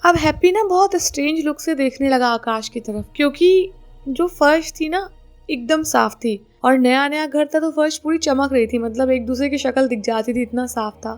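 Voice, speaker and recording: Woman, storyteller, spooky story, conversational, high voice, faint background music. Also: moderate pace. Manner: conversational, mixes in English words.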